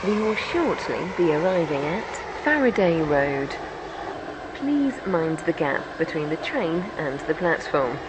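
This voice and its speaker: A woman voicing an automated onboard train announcer, reading scripted station announcements in a measured, formal way over train noise. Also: sing-song. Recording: clear train rumble noise. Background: train vehicle ambience in a simulator game.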